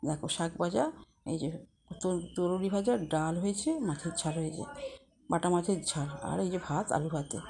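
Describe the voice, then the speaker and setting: Woman, home vlogger, low-pitched, quiet chatty voice, noisy background. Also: normal speed. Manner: chatty, addresses viewers as friends; speaks softly and quietly. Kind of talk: casual home vlog chat. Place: house with rooms, kitchen and rooftop.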